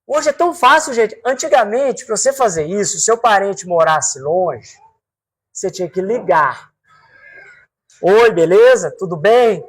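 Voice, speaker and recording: A man with a Brazilian accent giving a spiritual reflection talk, swinging his pitch, slowing down for emphatic repetitions and asking the audience direct questions. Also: animated, fairly bright tone, husky. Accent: Brazilian Portuguese. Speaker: spiritual speaker.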